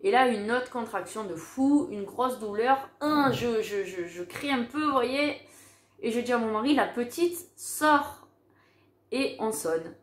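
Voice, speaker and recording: Lively woman recounting a story, roomy echo. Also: a little high, measured pace. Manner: animated, acts out the dialogue she recounts. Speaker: mother telling her birth story. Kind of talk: casual storytelling to camera.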